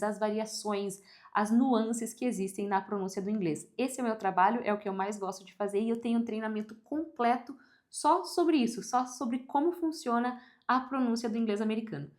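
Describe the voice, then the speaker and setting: A fairly high-voiced woman teaching pronunciation online. She coaches the listener directly, upbeat and demonstrative, and runs repeat-after-me drills. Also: moderate pace. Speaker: English pronunciation mentor.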